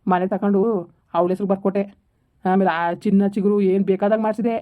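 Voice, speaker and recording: Brief: a bitter husband rattling off complaints very fast, played by a woman, dull lo-fi sound. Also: mid-range voice, little pitch movement, natural voice. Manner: rapid, complaining, pleading to an officer. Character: aggrieved middle-aged husband, bitter toward his wife. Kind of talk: village family drama. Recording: dull lo-fi recording.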